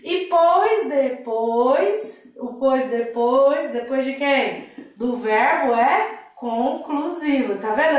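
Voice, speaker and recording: A woman teacher explaining grammar for exam preparation, asking questions and answering them herself. Her fairly high voice rings through a very echoey room. She sounds set back from the microphone. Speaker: Portuguese teacher. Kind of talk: exam-prep grammar lesson. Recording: very echoey room, voice distant from the mic.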